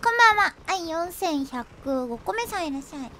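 High, lively-voiced woman game streamer. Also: brisk, slight background noise. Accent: Japanese. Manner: chatty, greets and thanks viewers, grunts while playing. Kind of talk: live game-stream chat. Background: loud game music.

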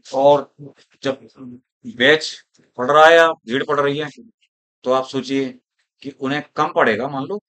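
A man's voice: mid-range voice, fairly even intonation, measured pace, pauses often, a bit bright. A male teacher giving a classroom lecture, talking in a rhetorical way and often checking whether his students follow him.

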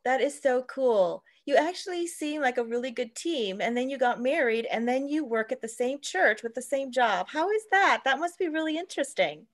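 A woman's voice: high voice, lively intonation, normal speed, few pauses. A middle-aged woman hosting a friendly interview for children over a video call. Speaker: host. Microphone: video call microphone.

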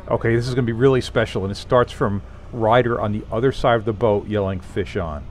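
A man's voice: lowish voice, fast talker. A man hosting a fishing video, narrating and coaching kids in an upbeat, encouraging way while out on a boat at sea. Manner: upbeat, encouraging, talks through the action. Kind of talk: casual on-camera narration and coaching. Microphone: wearable action camera. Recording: boat and wind noise outdoors.

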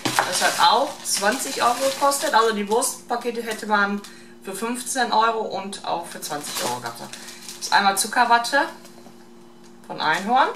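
A middle-aged woman casually talking through a shopping haul, listing items one by one in a halting, unscripted way. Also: mid-range voice, animated. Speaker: vlogger showing a shopping haul. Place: home kitchen, indoors. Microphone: camera mic at a short distance. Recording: roomy, distant camera mic with clear noise.

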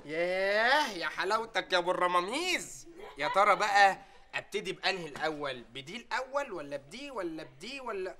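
An actor playing a dim-witted, boastful young bazaar worker with an Egyptian accent, talking fast and cheerfully in a sitcom. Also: male voice, sits high, expressive, pushed and bright. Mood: teasing. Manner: fast, chirpy, jokey. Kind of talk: sitcom acting. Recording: sitcom studio with laugh track.

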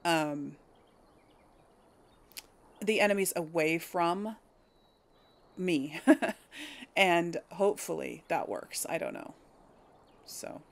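In a fairly low, creaky voice, a woman hosting a role-play game playthrough muses aloud to her viewers. She's animated yet slow, pausing often and hesitantly correcting herself as she comments casually.

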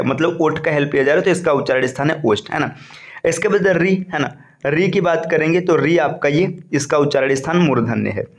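A man teaching a slide-based grammar lesson for exam students, patiently repeating key terms and slowing down to say each vowel sound. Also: a little high. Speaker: Hindi teacher for exam preparation.

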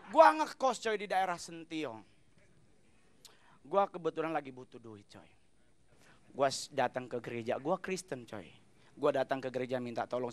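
A man doing stand-up on a TV studio stage into a handheld mic, talking loud and animated in slangy street speech. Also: medium pitch, a little hiss or hum. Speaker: stand-up comedian. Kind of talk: stand-up comedy set. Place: TV studio stage with live audience. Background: audience laughter.

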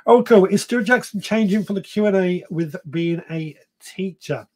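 Hosting a gardening podcast live stream indoors in a small shed or room, this man in his thirties has a high-pitched, slightly mellow voice and a moderate pace. He rambles through casual chat, reads out viewer comments, and frequently corrects himself.

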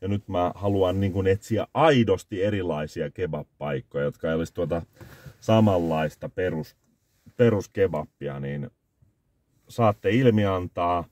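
Deep-voiced man reviewing food in a car. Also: darkish tone, no room sound. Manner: rambling, self-correcting, scoring dishes out of five. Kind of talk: casual review vlog. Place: inside a parked car. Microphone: phone camera on the dashboard.

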